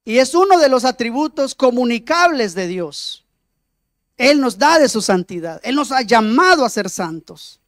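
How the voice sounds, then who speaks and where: Slow, high-pitched male preacher. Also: sing-song, a bit bright, no echo. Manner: emphatic, frequent direct address to the congregation; rhetorical repetition of words. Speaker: lay preacher. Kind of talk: sermon.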